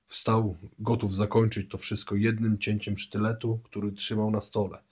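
Low, husky male audiobook narrator. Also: little pitch movement, normal speed, a little mellow.

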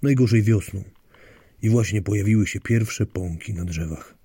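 A man's voice: lowish voice, normal speed, mellow, breathy edge, no echo. A man narrating a story in a wry, dry storytelling manner. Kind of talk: audiobook narration.

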